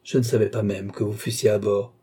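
A man voicing a calm young man in an audiobook, speaking gently and with resignation. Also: fairly low pitch, brisk, breathy edge. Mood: resigned. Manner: gentle, soft-spoken, resigned. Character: calm young man facing his accuser.

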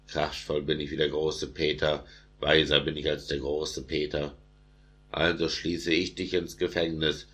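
A solemn, commanding tsar, voiced by a man reading aloud. The voice is very deep and held level. He speaks with ruling authority. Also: level tone, unhurried, fairly bright tone. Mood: stern. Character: great orthodox tsar, stern older man.

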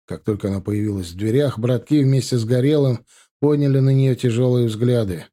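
Man narrating a crime audiobook, mellow tone. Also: medium pitch, brisk. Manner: steady storytelling with character quotes.

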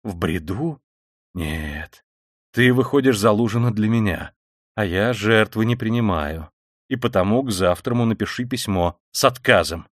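A man's voice: lowish voice, moderate pace, no echo, clean studio sound, lightly acted. A man reading an audiobook voices a feverish, exhausted young man who speaks in irritable, clipped demands. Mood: commanding.

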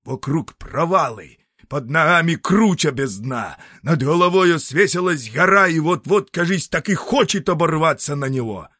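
A man voicing a grumbling old grandfather who digs for treasure and talks to himself in a gruff, exclaiming way. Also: on the high side, animated, moderate pace, few pauses, pushed and bright, no room sound, clean studio sound, voice pushed up, heavily acted. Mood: frightened.

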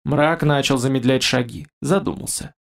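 A man narrating a fantasy audiobook in a steady storytelling manner. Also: mid-range voice, normal speed, gravelly.

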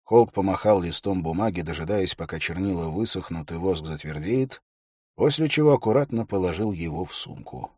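A man narrating an audiobook in a measured, even way. His voice is very deep and a little husky. The recording is dry and close, with no room sound. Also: dry recording.

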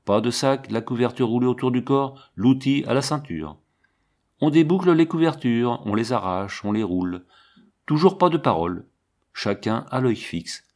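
A man reading a novel aloud as scripted narration, in a grave, measured and deliberate way. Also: on the low side, darkish tone. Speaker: audiobook reader.

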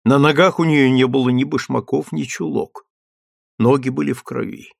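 A man narrates an audiobook in a steady, measured voice. His mid-range tone is gravelly, and the close-mic recording is dry. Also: medium pitch, no echo. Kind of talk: scripted narration.

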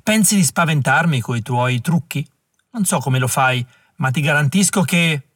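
A man voicing a furious German militia leader in an audiobook, shouting and blustering. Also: a little high, expressive, a little slow, breathy edge, no room sound, studio quality, exaggerated voice. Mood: menacing.

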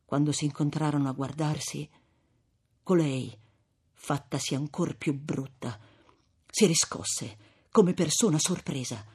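A woman reading a classic novel aloud as narrator, with measured, expressive storytelling and a husky voice. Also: low voice. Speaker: audiobook reader.

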